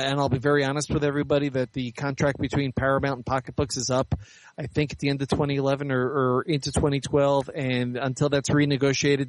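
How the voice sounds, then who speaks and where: A middle-aged or older man with a medium-pitched voice, heard through a rough recording, answers interview questions as a guest. A science fiction author and editor, he explains things candidly and articulately.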